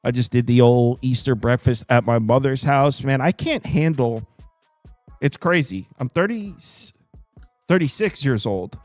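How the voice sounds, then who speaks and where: 30s guy hosting a betting show, joking around, mid pitch, dead dry mic, faint music under. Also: unhurried, dry recording. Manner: animated, jokey, self-deprecating. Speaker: sports betting show host. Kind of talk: casual chat.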